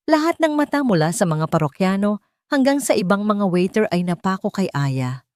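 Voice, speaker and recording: A woman with a Filipino accent narrates a scripted story in a dramatic storytelling style. Her medium-pitched voice is captured in studio quality with a dry sound.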